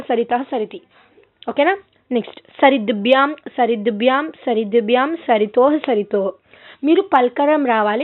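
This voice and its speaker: A woman teacher from Telangana with a Telugu accent, chanting Sanskrit noun declensions in a rhythmic recited lesson and checking in with her students. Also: on the high side. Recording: tinny phone-like audio.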